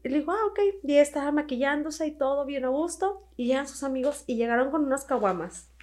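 Una mujer de voz aguda con acento mexicano, maquillista de novias invitada a un podcast. Cuenta sus anécdotas con mucha animación e imita las voces de las personas que cita, con un tono alto y vivo durante toda la charla. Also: female voice, high-pitched, quick pace. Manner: animated storyteller who acts out quoted voices. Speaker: bridal makeup artist, guest. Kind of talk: casual podcast chat.

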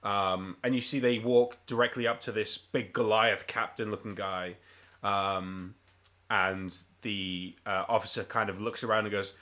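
A man serves as game master for a tabletop role-playing session. His voice is bright and forward. He describes each scene in a loose, rambling way, with plenty of "like" and "um" along the way. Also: fairly low pitch, fairly even intonation, measured pace. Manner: rambling, filler-heavy description.

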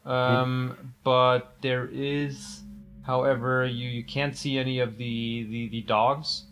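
A man running a tabletop game, narrating casually and haltingly as he searches for his words. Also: mid-range voice, flat delivery, fairly bright tone, a little hiss or hum. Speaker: game master.

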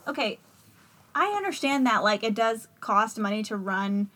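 A woman's voice: mid-range voice, moderate pace, a bit bright. A woman co-hosting a casual chat, practical and earnest, who often breaks into a nervous laugh. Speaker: podcast co-host.

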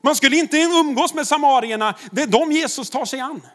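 A man, a pastor, preaching a sermon in a conversational way, with rhetorical questions to the congregation. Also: very high-pitched.

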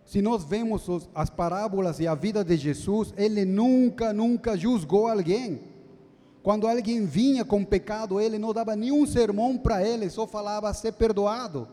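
A man's voice: high voice, normal speed, dark tone. A man in his thirties with a Brazilian Portuguese accent, preaching a sermon as a deacon in an earnest, teaching tone and asking the congregation to agree. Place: church hall. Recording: long church-hall reverb.

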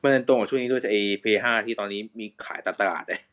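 A man's voice: fairly low pitch, fast, fairly bright tone, clean tone. A man hosting a casual chat about a TV show, with dry, laid-back remarks. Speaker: podcast host. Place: voice chat call.

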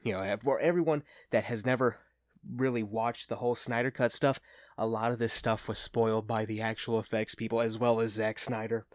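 Excited low-voiced man reviewing a movie. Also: fairly quick, no room sound, clean studio sound. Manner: enthusiastic, gushing fan talk. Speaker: host of a movie review show.

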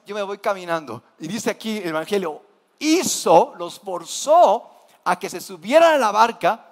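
A Mexican man preaching a sermon as pastor, telling the story with lively acted-out voices. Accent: Mexican Spanish. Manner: animated storytelling, acting out scared disciples in high cries. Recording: long hall reverb.

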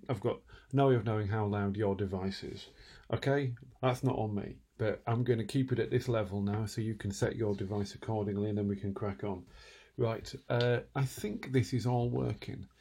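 A man talking quietly and wryly at night from a room in his house, hosting a solo radio show with lots of asides and restarts. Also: lowish voice, creaky, slightly rough. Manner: self-deprecating, wry, full of asides and restarts; talking quietly, half-whispering at times. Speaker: radio host. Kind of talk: rambling late-night solo radio chat.

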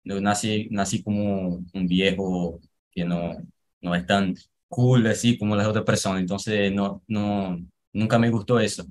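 A man hosts a group language call, asking questions in a relaxed, friendly way and slipping between vos and tú forms. His voice sits somewhat low. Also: a little slow. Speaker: host of a language exchange call. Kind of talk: moderating a casual group chat.

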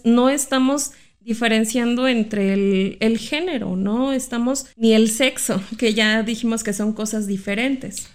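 A woman's voice: fairly high pitch, clear, resonant tone. A woman, a guest expert who explains inclusive language in a careful, reflective way, asking rhetorical questions. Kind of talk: explanatory interview talk.

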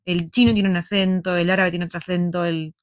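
An Argentine woman with an Argentine Spanish accent, co-hosting a live casual chat at home at a desk mic, measured and plain-spoken. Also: lowish voice, little pitch movement, no echo, studio quality. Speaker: co-host. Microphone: desk microphone.

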